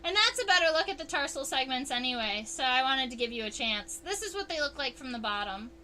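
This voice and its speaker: A woman's voice: sits high, lively intonation, sharp tone, a little hiss or hum. A woman entomologist hosting a casual livestream, explaining insect anatomy under a microscope and answering viewers' chat. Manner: chatty, unhurried, reads chat aloud.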